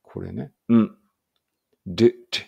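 A man's voice: on the low side, steady tone, slow pace, gravelly, warm tone, husky, muffled recording. A man reading a study text aloud in a casual study-along and thinking aloud in muttered asides. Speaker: language teacher reading aloud.

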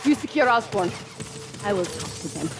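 A woman's voice: medium pitch, lively intonation, moderate pace, close to an everyday voice. An actress playing a stern, threatening female mercenary commander in a video game, speaking in a curt, commanding way. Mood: grudging, commanding. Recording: noisy game ambience behind.

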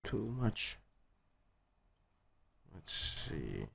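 A man's voice: low voice, huge pitch swings, extremely slow, gravelly, sharp tone, husky. A man giving casual let's play commentary, muttering to himself in short fragments with a grumbly, exasperated edge. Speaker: gaming video host.

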